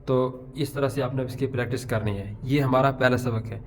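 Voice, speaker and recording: A man's voice: medium pitch, steady tone, a little hiss or hum. A middle-aged man teaching letter pronunciation to beginners, patiently explaining each sound and stretching out the example letters. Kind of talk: Urdu alphabet lesson.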